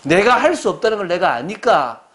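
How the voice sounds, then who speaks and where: A man's voice: high-pitched, very animated, fairly quick, fairly bright tone. A man preaching a Sunday sermon as pastor. He stresses his points hard and keeps putting questions to the congregation.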